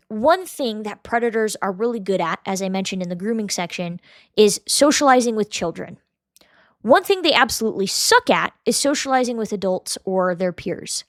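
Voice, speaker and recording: A young woman hosts a podcast in a casual, blunt style, swearing freely and breaking into short mocking impressions. Her voice sits at a middle pitch. The sound is dry and close, with no room echo. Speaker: podcast host. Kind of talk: casual commentary.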